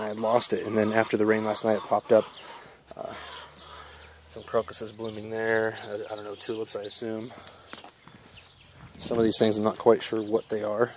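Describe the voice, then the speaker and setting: A permaculture vlogger from Iowa walks through his backyard garden, talking into a handheld camera mic as he goes. His voice is lowish, and his manner is relaxed and rambling with plenty of fillers. There's a little hiss or hum on the recording.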